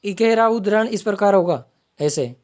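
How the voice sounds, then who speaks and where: A woman's voice: medium pitch, animated, normal speed, a little mellow. Woman teaching grammar online. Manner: explanatory, repeats terms while pointing them out. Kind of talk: online exam-prep lesson.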